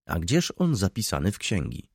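A man voicing a stern middle-aged judge in an audiobook, asking measured questions. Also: low-pitched, wildly swooping pitch, slightly rough, no room sound, clean studio sound, full character voice. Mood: questioning. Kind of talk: audiobook reading.

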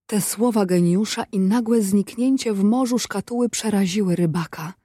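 A woman narrating a storybook tale in a measured, even manner. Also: mid-range voice, dry recording, studio quality. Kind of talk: storybook reading.

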